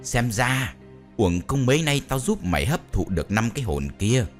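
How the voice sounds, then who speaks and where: A man's voice: medium pitch, sing-song, normal speed, faint music behind, natural voice. A man voicing a scheming male sorcerer who keeps ghosts, talking in a scolding, grudging way.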